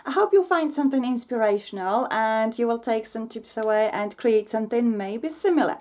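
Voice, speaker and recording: A woman from Poland with a Polish accent, a slightly croaky voice and an earnest manner, hosting a crafting tutorial. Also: on the high side, animated, moderate pace. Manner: warm, earnest, many fillers. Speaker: craft channel host.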